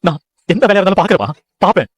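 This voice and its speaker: Down-on-his-luck young film hopeful, rattles it off super fast, kinda high voice. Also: expressive, slightly rough. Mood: dejected. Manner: dejected, earnest, pleading. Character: discouraged young man chasing film dreams. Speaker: son, aspiring film director. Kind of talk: TV serial acting.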